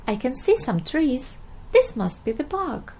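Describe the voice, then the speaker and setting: A good-natured, blustery daddy pig from a storybook, voiced by a woman. The voice swings up and down at a slow pace, over faint noise. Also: sits high, sing-song, darkish tone, heavily acted. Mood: blustering.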